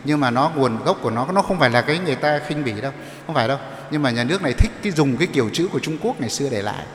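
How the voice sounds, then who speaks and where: Priest preaching in an echoey church. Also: male voice, medium pitch, animated, very fast, a little hiss or hum. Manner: explanatory, asks the congregation questions. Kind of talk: sermon. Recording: echoey church with long reverb.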